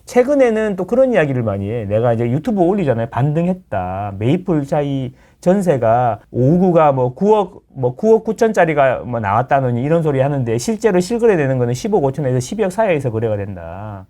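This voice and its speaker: A man's voice: medium pitch, sing-song, fairly quick, hardly any pauses, dark tone. A middle-aged man, a real estate lecturer chatting casually as a guest, explaining with everyday analogies and acting out the people he quotes. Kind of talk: casual chat.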